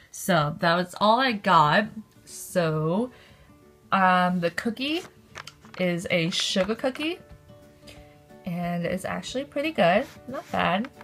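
A young woman with a lowish, slightly bright voice films a casual haul vlog on a phone held at arm's length, sitting close to the camera in her bedroom. She chats in an upbeat way and says "um" a lot.

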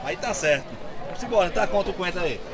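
Upbeat Northeastern Brazilian market vlogger. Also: male voice, sits high, lively intonation, quick pace. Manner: upbeat, chatty, says "valeu" and "aí tá certo" often. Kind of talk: casual street interviews. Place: busy open-air street market outdoors. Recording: loud market crowd behind.

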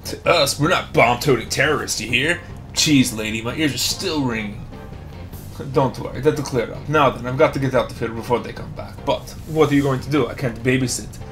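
A man's voice: medium pitch, fairly quick, a bit bright, faint music behind, close to an everyday voice. A man doing a brash, teasing spy woman with a put-on Russian accent.

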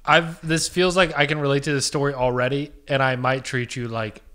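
A man's voice: mid-range voice, fairly even intonation, brisk, bright, forceful tone. A man co-hosting a casual podcast, joking around and rambling with lots of fillers. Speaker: podcast co-host.

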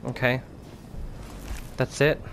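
A man's voice: slow pace, a bit bright, a little hiss or hum. A man casually commenting on his video game play, chatty and swearing freely. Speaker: let's play gamer. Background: game music.

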